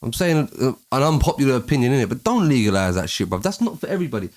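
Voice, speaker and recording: A man's voice: medium pitch, expressive, very fast, darkish tone. A man with an urban London roadman accent and slang, chatting casually and giving emphatic opinions as a podcast host. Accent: London, urban street.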